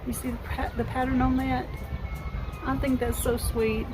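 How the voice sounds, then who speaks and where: The voice is high with little pitch movement and normal speed, heard over music in a rough recording. It belongs to an American thrift haul vlogger in her fifties, chatting casually at home about her finds and rambling with frequent restarts.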